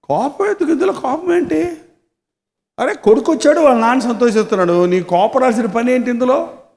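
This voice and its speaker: A man pastor preaches with animated storytelling and keeps throwing rhetorical questions at his listeners. His voice sits high for a man. A long reverb from the large hall hangs behind him. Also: brisk, gravelly. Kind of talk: Telugu sermon.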